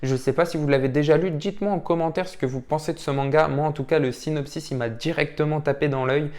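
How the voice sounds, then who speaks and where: A man's voice: on the high side, steady tone, fast talker, a little mellow. A manga YouTuber, a man, casually commenting on viewers' purchases, rambling with lots of fillers. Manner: rambling, many fillers and "voilà".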